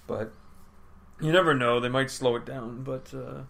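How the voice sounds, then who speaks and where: A tired man co-hosting a casual podcast chat, yawning between thoughts. His voice is gravelly with a mid pitch, and he rambles, trails off and restarts sentences while speculating aloud. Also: steady tone, measured pace, a bit bright, slight background noise. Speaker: podcast co-host.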